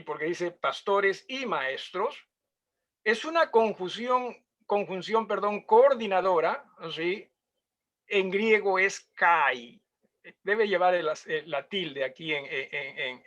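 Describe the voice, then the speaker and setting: A male pastor explains Greek grammar to his congregation in a high-pitched voice. He is patient and methodical, and he keeps pausing to ask his listeners whether they follow. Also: a bit bright. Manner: explanatory, checks listeners with frequent questions. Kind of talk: Bible teaching.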